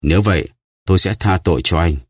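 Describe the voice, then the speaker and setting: Brief: man doing a grave, commanding nobleman, very deep and dry. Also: fast, breathy edge, no echo. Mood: solemn. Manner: solemn, grave. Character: stern vengeful nobleman, solemn and commanding.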